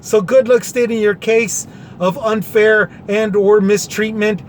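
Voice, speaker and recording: Sarcastic high-voiced man commenting. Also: steady tone, a little slow, a little hiss or hum. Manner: sarcastic, paraphrases in plain terms. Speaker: commentary vlogger. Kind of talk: reading and commenting on a government order.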